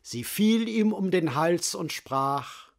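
A man reads a fairy tale aloud with a lot of expression, taking his time over every sentence. His voice sits a little higher than most men's. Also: animated, slow, creaky. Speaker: storyteller. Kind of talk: storybook reading.

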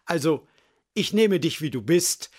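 A man voicing a proud, lovesick female yellowhammer in a storybook tale, speaking in a plaintive, sulky way. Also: a little high, animated, unhurried, husky. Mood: pleading.

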